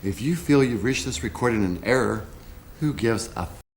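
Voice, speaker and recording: A man's voice: mid-range voice, animated, normal speed, lightly acted. A man playing a curt, dismissive disconnected-number phone message, with noise in the recording. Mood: flat dismissal.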